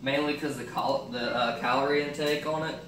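A young man with a medium-pitched, slightly bright voice talks briskly, keeping his intonation fairly even. As a fitness cooking vlogger, he casually narrates his meal prep at home, thinking aloud with frequent fillers. The recording comes from a distant camera on a stand in an echoey kitchen, and it's noisy.

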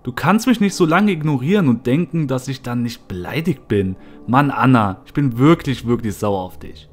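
A man's voice: mid-range voice, expressive, moderate pace, pitched above the performer's own voice, lightly acted. A man voicing a spiteful, mocking female alter ego with a taunting, ironic manner, in a spoken horror story. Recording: soft music behind.

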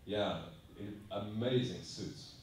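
A man from South Africa chats on a convention panel, laughing through his stories in a fairly low voice. The sound is distant and roomy, with faint noise underneath. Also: takes it slowly, darkish tone. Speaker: convention panel guest actor. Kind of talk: casual panel talk. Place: large carpeted convention room, indoors. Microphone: handheld mic, far camera. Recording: echoey room, distant mic.

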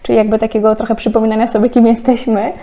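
A woman in her thirties talks through a card reading in a relaxed, chatty way, often breaking into laughter. Her voice is mellow and dark. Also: fairly high pitch, fast talker. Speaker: tarot card reader. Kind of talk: casual spiritual card-reading talk.

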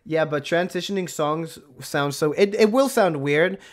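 A man live-streaming a game, chatting excitably with his viewers and mocking himself. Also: fairly high pitch, measured pace. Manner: excitable, self-mocking, talks to chat. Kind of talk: live gaming stream chat.

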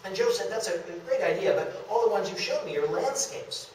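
An apparently middle-aged man tells history as a story to slides, acting out fragments of dialogue, in a high-pitched, animated, fairly quick and slightly mellow voice. He speaks in a small lecture room at a historic house. The camera mic sits a few metres away, giving strong echo and faint noise.

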